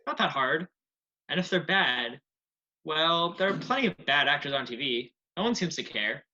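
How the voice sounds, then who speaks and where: Man as a breezy casting assistant, offhand, bright, lo-fi call audio. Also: fairly high pitch, animated, moderate pace, heavily acted. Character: laid-back, scheming male casting assistant. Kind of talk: online amateur comedy sketch. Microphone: video call.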